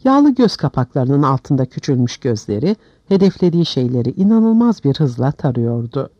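A man narrating a historical novel as an audiobook with a steady, expressive reading. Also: mid-range voice, normal speed, dry recording, lo-fi sound.

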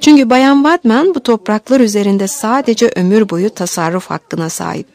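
A woman's voice: a little high, moderate pace, darkish tone, close to an everyday voice. A woman voicing an irritable, pedantic father in an audiobook, lecturing in an exasperated tone.

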